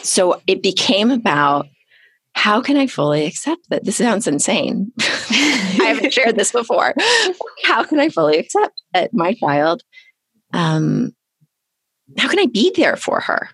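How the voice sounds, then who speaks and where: A woman's voice: mid-range voice, big pitch swings, measured pace, long pauses, a bit bright, slightly rough, dry recording. A woman hosting a podcast and talking casually, in a candid, reflective way that often trails off. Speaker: podcast host. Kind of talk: casual conversation.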